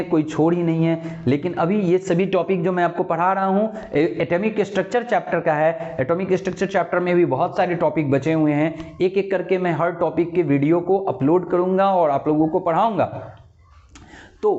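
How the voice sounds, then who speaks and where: Male teacher, playful explainer who acts out voices; high voice, muffled lo-fi sound. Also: darkish tone, roomy sound. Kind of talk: explanatory lecture. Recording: dull lo-fi recording.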